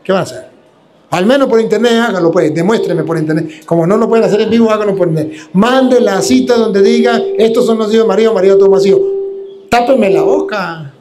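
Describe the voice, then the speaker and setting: A man's voice: sits high, fast, over music. A man who is a priest, preaching a combative, mocking sermon.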